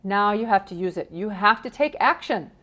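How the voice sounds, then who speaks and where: A woman's voice: mid-range voice, lively intonation, normal speed, fairly bright tone. A middle-aged woman giving a casual, encouraging motivational talk to camera, acting out the phrases she quotes with gusto. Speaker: personal finance vlogger.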